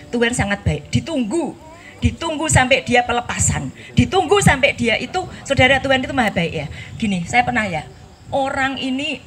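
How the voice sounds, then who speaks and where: A woman preaching a sermon, telling testimonies in a lively way and acting out the people in them. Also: on the high side. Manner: lively storytelling with acted quotes.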